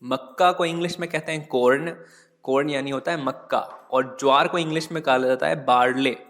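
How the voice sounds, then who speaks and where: A man's voice: medium pitch, fairly even intonation, fairly quick, fairly bright tone, big-room sound. A man teaching English vocabulary in Hindi, repeating and spelling words and often adding "ठीक". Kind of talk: casual Hindi vocabulary lesson.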